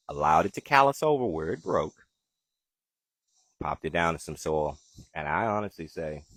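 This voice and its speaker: He speaks in a rumbling low, husky voice, recorded without any room sound. The man, a Southern-accented gardening show host, takes viewer questions during a live backyard chat, keeping things easygoing and chatty.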